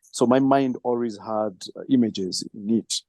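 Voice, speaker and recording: A middle-aged man answering interview questions, reflective and storytelling, with soft laughs. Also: medium pitch, unhurried, no echo. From Kenya. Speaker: filmmaker and film trainer.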